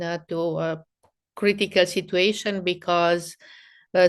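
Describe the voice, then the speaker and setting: Slow, smooth-voiced woman from Romania. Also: fairly low pitch. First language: Romanian and Hungarian. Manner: thoughtful, searching for words in English. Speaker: guest psychologist. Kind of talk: live interview over video call. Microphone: video call.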